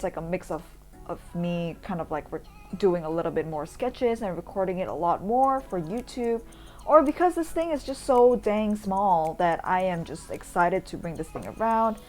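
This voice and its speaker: A woman from Indonesia, a vlogger and urban sketcher, gives a casual, rambling voice-over tour in a chatty, informal way. Her voice is lowish with a darkish tone, and background music plays.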